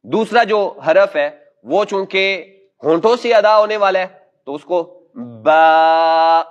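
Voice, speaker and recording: A man teaching Quran recitation in a class. He patiently demonstrates each letter sound slowly and has it repeated back. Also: high-pitched, animated, muffled recording. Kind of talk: classroom instruction.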